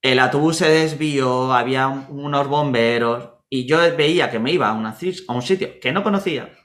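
Spanish man, mid-pitched, casual storyteller who acts out dialogue. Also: moderate pace. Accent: Spanish from Spain. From Spain, Murcia. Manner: animated anecdotes, acts out dialogue.

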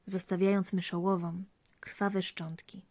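A woman reading a fairy tale aloud in a hushed, intimate way. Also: lowish voice, flat delivery, measured pace. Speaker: storyteller.

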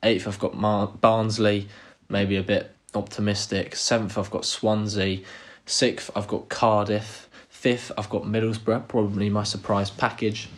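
A man with a fairly low voice runs through his football predictions in a plain, matter-of-fact way. It is a relaxed, casual chat between pundits. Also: a little slow, few pauses.

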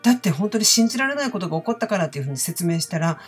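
Low-voiced woman telling family stories. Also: very animated, racing, husky, faint music behind. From Osaka, Japan. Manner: candid, chatty, self-deprecating asides. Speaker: channel host. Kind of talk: casual personal storytelling.

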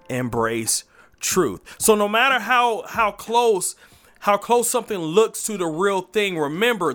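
A man's voice: high voice, a bit bright. A young man hosting his own faith podcast, speaking in an emphatic, hype, preachy manner into a podcast microphone. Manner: hype, sing-song intro then preachy, emphatic delivery. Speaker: podcast host. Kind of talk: energetic faith podcast monologue.

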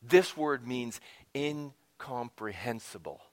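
A man delivers a sermon in a middle-pitched voice, shifting between quiet, intimate passages and raised, emphatic ones. He talks to his listeners conversationally, with asides and questions along the way. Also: slow pace. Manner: expressive preaching, dropping to a whisper and rising for emphasis. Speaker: pastor.

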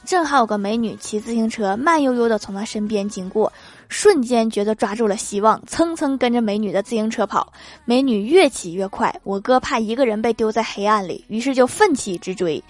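A woman hosting a comedy show, reading jokes aloud with lively delivery and laughter between them. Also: a little high, brisk, no echo. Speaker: host of a comedy joke show.

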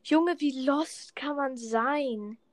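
A woman co-hosting a relaxed podcast chat, dry and mocking as she teases her partner. Her voice is slightly high. The sound is close and dry, with no room around it. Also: very slow, no room sound. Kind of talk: casual chat while opening in-game rewards.

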